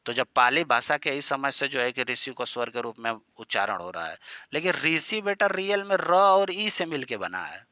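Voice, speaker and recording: A young man leads an exam-prep grammar lesson, talking in a chatty, coaxing way and calling his students "beta". His voice is bright and clear at an ordinary pitch. The sound is dry and close, with no room echo. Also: sing-song, moderate pace. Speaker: teacher.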